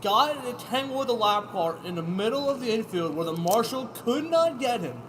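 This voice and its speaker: A man's voice: very high-pitched, sing-song, normal speed, noisy background. A man hosting a casual podcast, reading out race results and joking with the others. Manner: joking, laughs through results. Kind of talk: casual banter.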